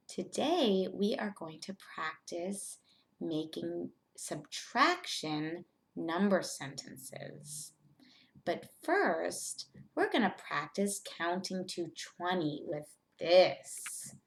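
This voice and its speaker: A woman teacher giving a step-by-step math lesson to young children, speaking in simple, deliberate phrases and putting questions to the learners. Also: fairly low pitch, animated.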